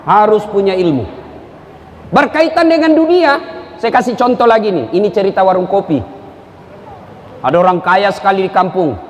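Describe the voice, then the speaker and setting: High-pitched, animated man preaching. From South Sulawesi, Indonesia. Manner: animated storyteller, acts out characters, jumps between high and low pitch. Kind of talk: humorous sermon with anecdotes. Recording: hall reverb, faint noise.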